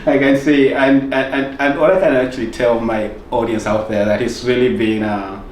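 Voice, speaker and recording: Man hosting an interview, effusive, halting with fillers, roomy set, distant from the mic. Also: medium pitch, steady tone, slight background noise. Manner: many fillers and hesitations, effusive. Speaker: interview host. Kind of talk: news channel interview. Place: studio set with roomy sound.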